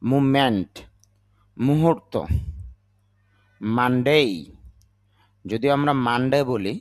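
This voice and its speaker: A man's voice: mid-range voice, expressive, unhurried, no echo. A man, teaching English words and patiently repeating each one with its meaning. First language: Bengali. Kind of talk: vocabulary lesson.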